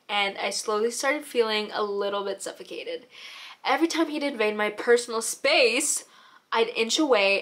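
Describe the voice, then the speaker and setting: A teenage young woman with a fairly high voice. She talks casually and earnestly, like a host reading out submissions and offering encouraging advice. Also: a bit bright. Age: teens. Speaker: host reading viewers' confessions and giving advice.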